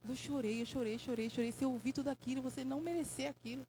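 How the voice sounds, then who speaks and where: A Brazilian woman with a Brazilian Portuguese accent gives an emotional church testimony, preaching fervently and calling for "amém" in call-and-response. Her high, mellow voice is very fast with fairly even intonation, on a rough recording with slight background noise.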